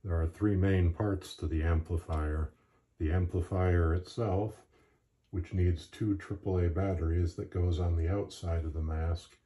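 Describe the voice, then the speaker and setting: Male instructional narrator, deep and monotone, plainspoken and unhurried in manner. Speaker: presenter of a gear demonstration.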